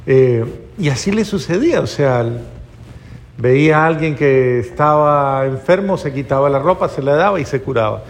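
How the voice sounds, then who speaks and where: Male preacher, lively storytelling sermon to a live audience, slightly high voice. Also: vocal fry. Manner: storytelling, animated, addresses audience.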